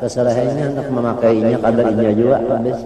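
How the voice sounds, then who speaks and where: A man's voice: medium pitch, level tone, fast talker. A man with a Banjar accent giving a chatty, joking sermon to a congregation, laughing often as he talks. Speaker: preacher. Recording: echoey hall, distant mic, crowd.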